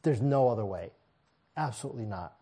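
A man's voice: medium pitch, lively intonation, fairly quick, dark tone, breathy edge. A man preaching a sermon to his congregation in a church, pleading and emphatic, driving points home with repeated phrases. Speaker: pastor.

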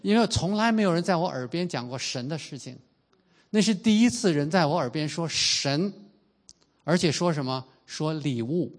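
A man in his fifties preaching a sermon in an earnest way, slowing down and stretching out the key phrases. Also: fairly high pitch, lively intonation. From China. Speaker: pastor.

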